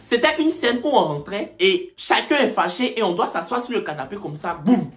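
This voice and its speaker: A woman's voice: mid-range voice, normal speed. A woman telling a funny story in a vlog, acting out other people and raising her voice for effect. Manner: animated, acts out other people's voices and shouts. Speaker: comedian storyteller.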